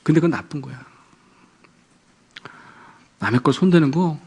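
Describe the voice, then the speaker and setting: A man, a pastor and professor, lecturing parents through animated storytelling and acting out scenes. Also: on the high side, normal speed, slightly rough.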